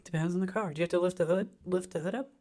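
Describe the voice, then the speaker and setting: A woman's voice: lowish voice, racing, darkish tone. A woman co-hosting a podcast in casual chat, firing off exasperated rhetorical questions. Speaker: podcast co-host.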